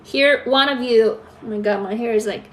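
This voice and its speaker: A young woman talks frankly into her phone on a live stream, answering viewers' comments as they come in. Her voice sits a little high for a woman, and she speaks in a casual, open, unscripted way. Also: normal speed. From Russia. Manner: candid, talks straight to viewers, reads comments aloud. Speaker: livestream host.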